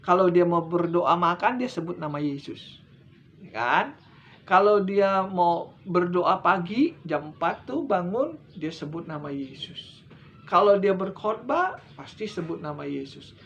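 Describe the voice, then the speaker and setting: Middle-aged guy preaching, emphatic, goes loud then drops way down, dull lo-fi sound w/ faint hiss. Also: high voice, expressive, a little slow. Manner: emphatic, rising and dropping sharply for stress. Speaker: evangelist preacher. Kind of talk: sermon. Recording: slightly dull lo-fi recording with faint noise.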